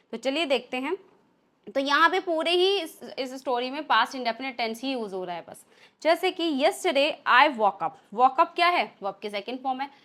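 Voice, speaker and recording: A woman with an Indian accent leads a spoken English lesson in a high, bright voice. She explains patiently, one step at a time, and slows right down to read out each example sentence. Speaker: English teacher.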